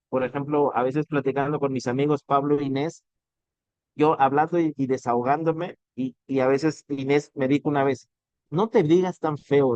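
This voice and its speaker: A man's voice: medium pitch, a little mellow, no room sound, highs cut off. A man with a Mexican accent giving an earnest motivational talk, addressing the listener directly and swearing casually. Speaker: motivational business speaker.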